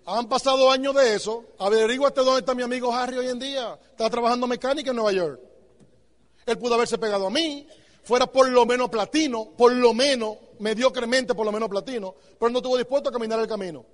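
A man's voice: extremely high pitch, fast talker, big-room sound. A man giving an emphatic motivational talk, asking the listener rhetorical questions. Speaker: motivational speaker.

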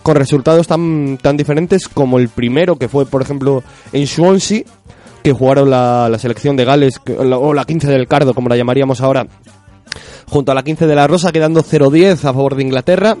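A man's voice: mid-range voice, fairly quick, warm tone, faint music behind. A man, a guest on a radio show, rattling off dates and scores and joking loosely as he goes. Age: 20s. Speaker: guest, rugby fan. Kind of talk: casual radio interview.

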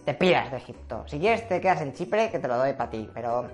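A woman's voice: extremely low pitch, expressive, fairly quick, soft background music, voice pushed down. A woman voicing a smug, bossy Roman general as a casual, slangy man in a comic history retelling. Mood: bossy, offhand.

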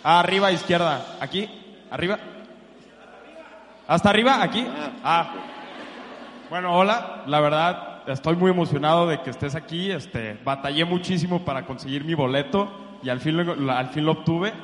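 A man's voice: on the high side, moderate pace, a bit bright, slight background noise. Young Mexican man, eager audience questioner, distant reverberant room. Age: 20s. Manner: eager, nervous, full of fillers. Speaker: audience member asking a question. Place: large lecture hall.

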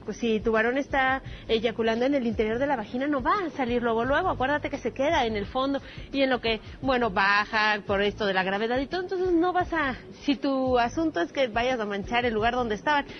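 A woman's voice: a little high, a little fast, few pauses. A woman giving frank explanations in a clip played on air. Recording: dull lo-fi clip.

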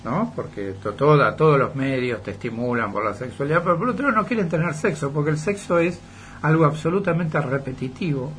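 A man with a Rioplatense accent explains his views in a radio interview, pausing and searching for words as he goes. His voice sits a touch high for a man. A faint hiss of noise lies under the studio audio. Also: expressive, fairly bright tone. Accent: Rioplatense Spanish. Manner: thoughtful, explanatory with hesitations. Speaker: psychologist guest.

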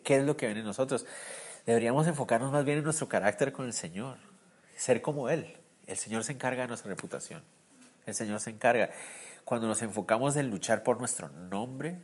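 A man preaching a sermon in a lively way, often asking the listeners questions and swinging from loud bursts to quiet, low lines. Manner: animated, swings from loud to soft; asks the listeners rhetorical questions.

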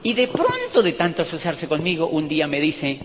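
A man with a Colombian accent giving a motivational business talk, telling stories with animated repetition and self-mocking jokes. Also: on the high side, moderate pace. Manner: animated, repeats phrases for emphasis, jokes about himself. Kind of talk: storytelling talk to a live audience. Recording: reverberant hall with faint background noise.

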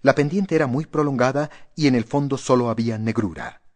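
A man narrating a horror audiobook in a steady, measured reading voice. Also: medium pitch.

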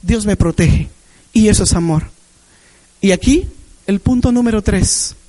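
A man's voice: high-pitched, a little slow, warm tone, low-quality recording. A man preaching a Sunday sermon in a church, sharing a personal testimony with emphatic repetition.

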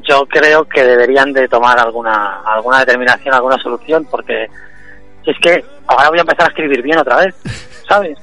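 A man, a guest on a comic radio show, talking in halting, repeated phrases and laughing through a mock lament. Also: medium pitch, pushed and bright, faint music behind, rough recording. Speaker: phone-in guest.

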